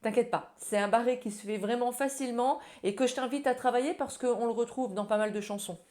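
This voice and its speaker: A ukulele teacher with a fairly high, slightly mellow voice speaks briskly in a casual lesson, with ukulele playing in the background. She's friendly and informal, talking straight to the viewer and addressing them as tú.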